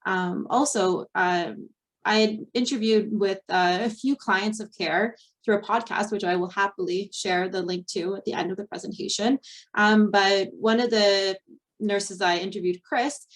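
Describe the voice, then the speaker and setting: A woman's voice: mid-range voice, fairly even intonation, a little slow. A young adult woman presenting a slide webinar, explaining step by step with frequent ums and fillers. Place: Ontario.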